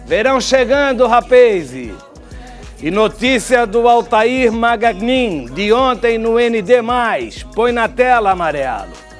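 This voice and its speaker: Older Brazilian male TV host, high-pitched, chatty and wry, lapel mic, faint music bed. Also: very animated. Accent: Brazilian Portuguese. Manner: chatty, wry asides, drawn-out sign-offs. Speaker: TV commentator. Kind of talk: studio TV commentary. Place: TV studio.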